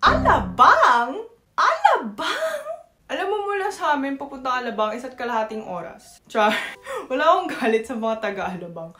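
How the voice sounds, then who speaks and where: A woman's voice: on the high side, sing-song, brisk, fairly bright tone, echoey room. A young woman from Batangas chatting casually to camera in a playful, teasing way. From Batangas, Philippines. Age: young adult. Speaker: vlogger.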